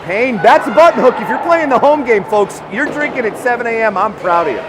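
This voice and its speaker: A man calling a hockey game live, excitable and chatty, shouting on scoring chances and joking with the listeners. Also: very high-pitched, a little fast, noisy background. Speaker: play-by-play commentator.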